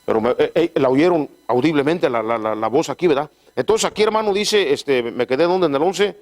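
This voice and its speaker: Halting preacher asking for amens. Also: male voice, on the high side, animated. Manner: call-and-response, frequent "¿verdad?"; halting, repeats words while reading scripture. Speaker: pastor. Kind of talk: sermon.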